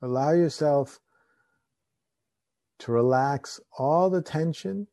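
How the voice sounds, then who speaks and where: A man guiding a meditation in a slow, calm, soothing way, with long pauses between phrases. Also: a little high, no echo, clean studio sound. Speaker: meditation teacher. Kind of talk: guided meditation.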